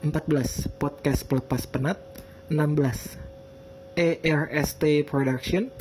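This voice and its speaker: Mellow man who can't roll his R's. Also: fairly high pitch, fairly even intonation, unhurried, faint music behind. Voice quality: speech impediment with indistinct R sounds (cadel). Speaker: podcast host. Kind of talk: casual solo podcast talk.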